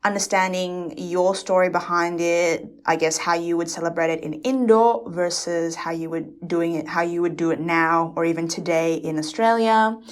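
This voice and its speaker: A woman's voice: on the low side, fairly even intonation, normal speed, few pauses. A young woman from Indonesia hosting a casual podcast chat, rambling and hesitant with frequent fillers. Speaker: podcast co-host.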